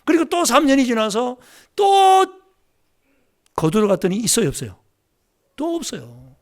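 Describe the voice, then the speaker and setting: A man preaching a sermon as pastor at a church service, telling stories in an animated way and acting out the dialogue. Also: very high-pitched, normal speed.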